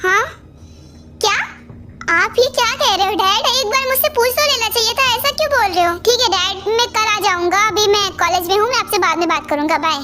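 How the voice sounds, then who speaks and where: A woman's voice: extremely high pitch, fairly quick, sharp tone. A woman voicing an easygoing, apologetic young man in an amateur fan dub, with a coaxing, pleading tone. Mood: worried. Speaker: fan dubber. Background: faint music.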